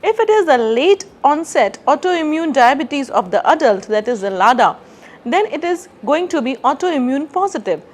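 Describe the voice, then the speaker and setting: A middle-aged woman doctor from India, giving a clear, prepared talk as a consultant endocrinologist. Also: high voice, sing-song, moderate pace. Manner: clear, explanatory lecturing.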